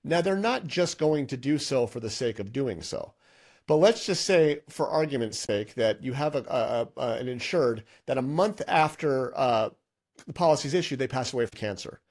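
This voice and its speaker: Middle-aged guy running through exam slides, mid pitch, chatty with lots of ums and restarts. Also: expressive, normal speed, a little mellow. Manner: conversational, thinks aloud with frequent restarts and fillers. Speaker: licensing instructor. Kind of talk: presenting an exam-prep lesson with slides.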